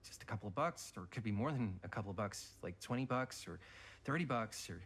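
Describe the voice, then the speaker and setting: An actor voicing a sweet-talking teenage younger brother in a video game, hesitant and coaxing. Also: male voice, fairly low pitch, lively intonation, fast talker, a bit bright, breathy edge, heavily acted.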